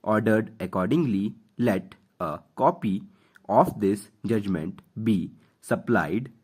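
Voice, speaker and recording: An Indian-accented man reads formal text as slow dictation for shorthand practice. His voice is low and rough-edged, and his pitch moves up and down noticeably as he delivers short, deliberate phrases with spoken punctuation. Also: expressive, a little mellow. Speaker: dictation instructor reading for stenography practice. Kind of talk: slow school dictation, reading legal text aloud.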